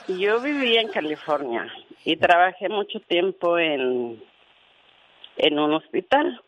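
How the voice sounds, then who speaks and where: A woman's voice: on the low side, big pitch swings, unhurried, poor audio. A woman, a former hospital nurse, telling a story on a radio talk show in an earnest, vivid way and acting out the dialogue. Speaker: retired hospital nurse guest.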